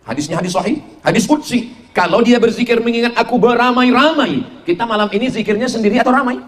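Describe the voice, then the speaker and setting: Animated high-voiced male preacher. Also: fast talker. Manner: animated, mimics voices for jokes, shifts between high and low pitch. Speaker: Islamic preacher. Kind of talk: humorous sermon to a live congregation.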